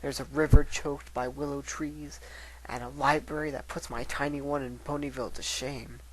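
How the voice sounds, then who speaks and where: A man's voice: mid-range voice, level tone, moderate pace, lightly acted, rough recording. A man voicing an earnest, bookish female unicorn scholar in an articulate, reflective dramatic reading of a letter. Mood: earnest, fond.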